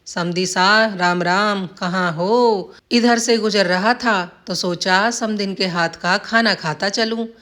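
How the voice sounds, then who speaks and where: A woman voicing a grinning, freeloading old male in-law who talks in an unhurried, ingratiating way. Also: medium pitch, a bit bright.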